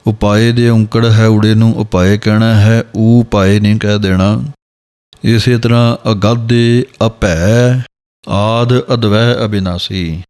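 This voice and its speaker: A man teaching how to pronounce scripture, chanting verses slowly and then explaining each word. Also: on the low side, steady tone, a little mellow, clean tone. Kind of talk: scripture pronunciation lesson.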